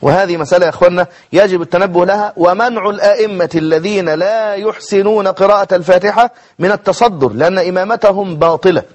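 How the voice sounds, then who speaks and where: A man teaching Islamic jurisprudence in a televised lesson, slowing down to model the correct pronunciation of letters. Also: high voice. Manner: explanatory, slows to model pronunciation.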